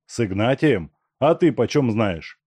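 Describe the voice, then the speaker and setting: A man's voice: medium pitch, lively intonation, measured pace, darkish tone, breathy edge, dry recording, voice pushed up. A man reading an audiobook, voicing a cornered male murderer who is suspicious and uneasy.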